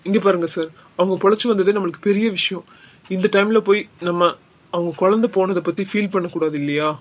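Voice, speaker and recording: A man voicing a formal male doctor in a cartoon, speaking in a measured, apologetic way. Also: high-pitched, fairly even intonation, dull audio, voice pushed down, natural voice. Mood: grave. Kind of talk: cartoon dubbing.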